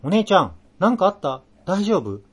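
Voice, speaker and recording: A man voicing an anxious young woman checking on her older sister in a higher, fretful voice. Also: big pitch swings, moderate pace, slightly rough, exaggerated voice. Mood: worried.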